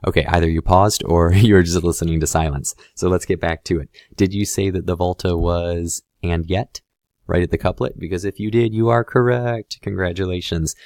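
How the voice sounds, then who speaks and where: A man teaching a poetry lesson in a relaxed, conversational way, speaking straight to the viewer. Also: deep voice, fairly quick, hardly any pauses, dry recording, clean studio sound. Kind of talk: explanatory lesson on a poem.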